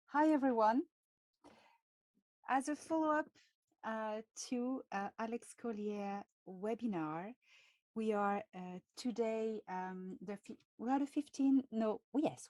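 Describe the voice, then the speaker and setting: A woman with a French accent, hosting a live stream and talking in a halting way with many pauses and fillers. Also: medium pitch, a little mellow, no echo. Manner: halting, many fillers and restarts, laughs often. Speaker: channel host.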